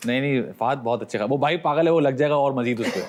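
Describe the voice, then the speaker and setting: पाकिस्तानी उर्दू लहजे वाला एक आदमी, टॉक शो में मेहमान, हँसी-मज़ाक और छेड़छाड़ भरी बातें करता हुआ।. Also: male voice, mid-range voice, fast, darkish tone, slight background noise. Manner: joking, teasing. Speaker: guest. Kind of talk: casual talk-show banter.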